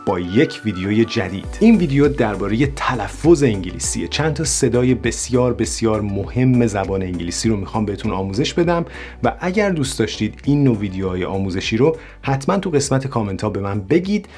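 A man's voice: fairly low pitch, expressive, a little mellow, soft background music. Male teacher modeling pronunciation. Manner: clear, models words slowly and repeats them. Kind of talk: video lesson.

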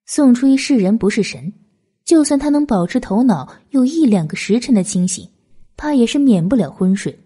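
This audiobook narrator is a woman reading a novel from a script, her slightly high voice very soft, dark and breathily husky. She keeps her intonation lively and her speed normal.

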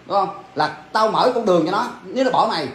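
A man's voice: high voice, a bit bright, a little hiss or hum. A man playing a scornful, wounded husband. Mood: heated. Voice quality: rapid, insistent, keeps demanding agreement. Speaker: husband confronting his cheating wife. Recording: echoey room with faint ambience.

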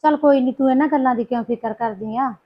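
A woman's voice: high voice, quick pace, phone-quality sound. A woman playing a talkative, scheming village sister-in-law in a family drama, speaking with a Punjabi accent and a coaxing, gossipy manner. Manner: chatty, coaxing, scheming asides. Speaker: sister-in-law in a short film.

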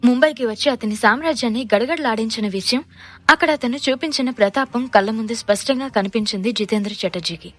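A woman narrating an audio drama in an expressive, dramatic way. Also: fairly high pitch, fairly quick. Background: faint background music.

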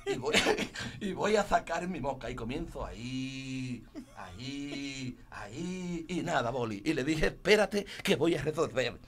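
A man telling comic jokes in a sketch, shouting his punchlines. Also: medium pitch, animated, takes it slowly. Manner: jokey storyteller, shouts punchlines. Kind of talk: comic skit, mock Galician joke-telling.

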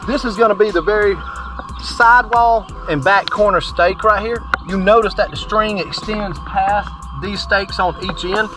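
A middle-aged man presenting an outdoor how-to demonstration, plain-spoken and explaining step by step to viewers. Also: sits high. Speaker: company presenter. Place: outdoors by a driveway on a sunny rural property.

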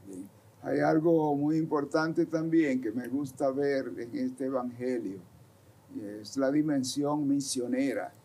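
A man on a religious TV panel giving a measured reflection on the Gospel and pausing now and then to find his words. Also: mid-range voice, fairly even intonation, dark tone.

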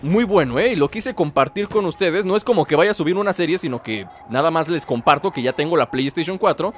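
A man giving playful, excitable commentary on his own gameplay, full of jokey asides. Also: on the high side, fairly quick, a little hiss or hum. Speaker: gaming YouTuber.

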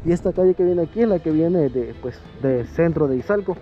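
A little fast and pitched on the high side, this man's voice has lively intonation, though the audio sounds dull and soft music sits underneath. He's a vlogger host with a Salvadoran Spanish accent, chatting enthusiastically and laughing often at an outdoor riverside restaurant.

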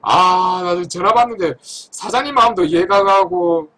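A man from Korea casually telling a story to camera in an animated, emphatic way, often repeating himself for stress. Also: high voice, moderate pace. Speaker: vlogger.

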